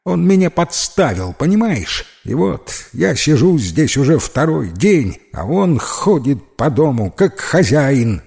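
Man doing a bossy, proud puppy in a storybook, lively, slightly raised voice. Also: a little high, unhurried, vocal fry, few pauses, voice pushed up, exaggerated voice. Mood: aggrieved. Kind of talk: audiobook character voice.

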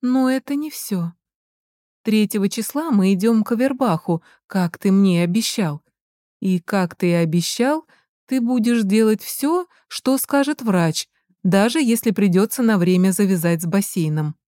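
A woman's voice: medium pitch, lively intonation, normal speed, warm tone, no room sound, clean studio sound, natural voice. A woman voicing a firm, worried middle-aged mother in an audiobook.

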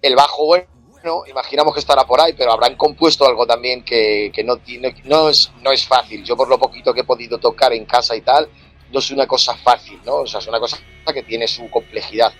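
A man's voice: medium pitch, fairly even intonation, a little fast, a bit bright, faint music behind. A man in his forties with a Spain Spanish accent, a singer talking as a podcast guest in a frank, colloquial and jokey way. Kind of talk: casual music chat.

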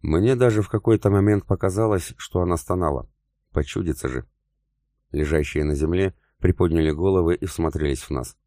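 A male audiobook narrator telling a story in the first person. His voice is extremely deep and his delivery steady and measured. The recording is dry, with no room sound. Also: no room sound.

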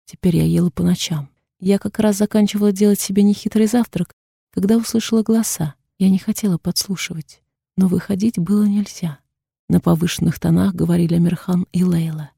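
A woman's voice: lowish voice, steady tone, brisk, gravelly, dark tone, breathy edge, no room sound, clean studio sound. A woman reading a first-person novel aloud as an audiobook narrator, in a subdued, introspective way. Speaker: audiobook reader.

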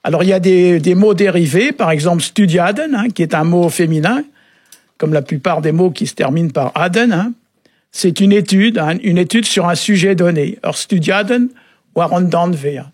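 Male radio language expert, husky and halting, very dry sound. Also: sits high, expressive, darkish tone, dry recording. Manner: halting, often adds "hein" and "euh". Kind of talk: relaxed explanatory radio chat.

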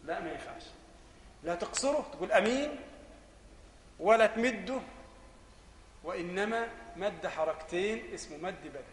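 A man with an Egyptian accent teaching a religious lesson as a sheikh. He asks questions and answers them himself, and builds to loud, emphatic passages. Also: high-pitched, expressive, normal speed, long pauses, reverberant, big-room sound, a little hiss or hum. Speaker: sheikh teaching Islamic jurisprudence.

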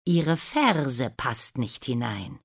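A woman reading a fairy tale aloud in a clear, deliberate way. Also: extremely low pitch, very animated. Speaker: narrator.

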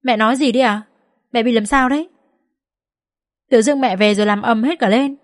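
A woman voicing a young husband who pleads with his angry mother to calm down. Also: on the high side, moderate pace, dry recording, clean studio sound, voice pushed up, close to an everyday voice. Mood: pleading.

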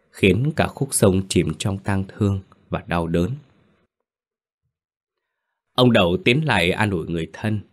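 Casting: male storyteller, low voice, grave and tense horror narration.

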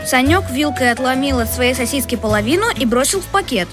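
High-voiced woman narrating a children's story. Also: lively intonation, fairly quick. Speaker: audiobook narrator. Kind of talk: scripted first-person narration. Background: music.

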